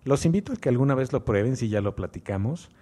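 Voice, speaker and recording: A man's voice: mid-range voice, expressive, fast talker, dark tone. A man with a Mexican accent co-hosting a podcast, talking at length in an enthusiastic, motivational way. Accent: Mexican Spanish. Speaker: podcast co-host. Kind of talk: casual podcast chat.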